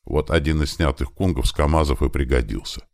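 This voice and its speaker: A man narrating a first-person audiobook with steady storytelling. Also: very deep voice, a little fast, creaky, no room sound, clean studio sound. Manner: steady storytelling with lively shifts.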